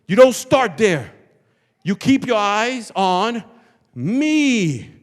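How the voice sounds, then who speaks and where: Speaking very slowly in a high-pitched, sing-song voice, a male pastor preaches to his congregation in a large church hall. His sermon is emphatic and rhetorical, with phrases repeated for effect, and the sanctuary PA adds long reverb.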